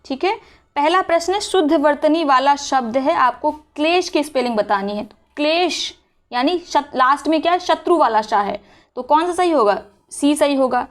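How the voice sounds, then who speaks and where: A woman's voice: high voice, expressive, moderate pace. A woman teaching a spelling lesson for exam preparation, explaining step by step and asking and answering her own questions. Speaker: Hindi teacher.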